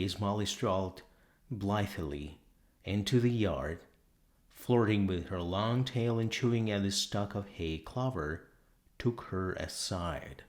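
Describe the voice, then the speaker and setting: Reading a literary tale for an audiobook, a male narrator with a fairly low voice delivers each line with slow, careful, dramatic emphasis.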